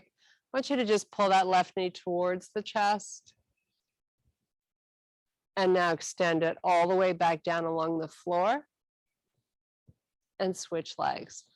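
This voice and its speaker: A woman instructor guiding a stretching class with calm, encouraging cues. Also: fairly low pitch, creaky, no echo, poor audio. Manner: calm, encouraging cueing with a slow, unhurried delivery.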